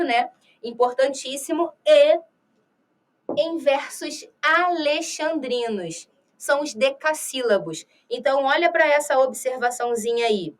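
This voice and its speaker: A woman's voice: sits high, recorded from a distance. A Brazilian woman teacher with a Rio de Janeiro accent, explaining poetry in a recorded lesson and often checking in with "né?" and "tá?". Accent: Rio de Janeiro Portuguese. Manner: explanatory, asks rhetorical questions, frequent "né?" and "tá?"; slow, drawn-out reading of verses. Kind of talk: recorded exam-prep lecture.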